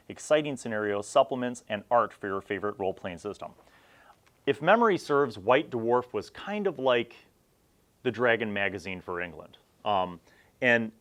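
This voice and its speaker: Flipping through a magazine on camera, a Chicago-born American host of a retro gaming magazine review series talks in a loose, halting ramble while working out his thoughts. His voice runs fairly low.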